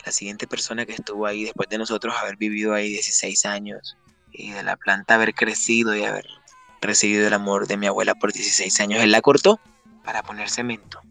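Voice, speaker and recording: A man's voice: fairly low pitch, level tone, quick pace, gravelly, bright, forceful tone. A man from Colombia answering radio interview questions about his songs, telling stories reflectively with frequent restarts. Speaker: musician guest.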